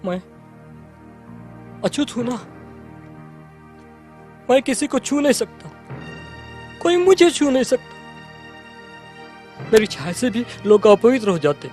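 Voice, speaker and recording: Beaten, starving outcast, played by a man: tearful and fearful, slow halting pleas, voice pitched high. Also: lively intonation, a little mellow, soft background music, heavily acted. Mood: pleading, broken. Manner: broken, halting and pleading speech. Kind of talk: dramatic movie acting.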